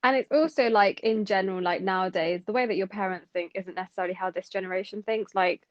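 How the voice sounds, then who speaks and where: A young woman from London co-hosts a podcast, thinking out loud in casual chat packed with fillers. She talks fast in a medium pitch. The sound is dull, dry and lo-fi.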